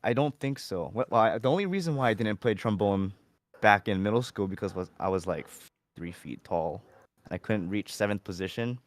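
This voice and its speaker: A man's voice: lowish voice, animated, fairly quick. A man co-hosting a casual music producers' chat over a video call, easygoing and telling stories with stumbling restarts. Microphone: home mic on video call.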